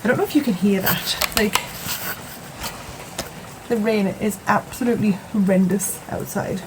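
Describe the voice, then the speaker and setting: A young British woman giving a relaxed, rambling crochet tutorial at home, chatting casually with plenty of fillers. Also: mid-range voice, measured pace, slight background noise, poor audio. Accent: British English. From England. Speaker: crochet vlogger. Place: home, indoors.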